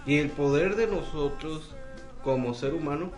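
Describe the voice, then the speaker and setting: A man's voice: on the high side, normal speed, darkish tone. Preacherly man, faint music. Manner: agreeable, preacherly, checks for agreement.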